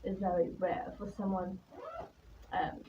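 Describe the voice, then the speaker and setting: A Taiwanese woman, an artist-in-residence guest speaker, gives an informal live talk at an art venue about her own life and work, sounding nervous, hesitant and candid. Her voice is on the low side, a little slow and flat. A distant mic gives dull sound with faint background noise.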